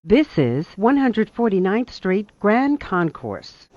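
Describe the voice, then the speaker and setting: A recorded subway announcer heard over a train loudspeaker, speaking in measured, evenly spaced phrases. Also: mid-range voice, very animated, no room sound, lo-fi sound. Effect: played over a train loudspeaker.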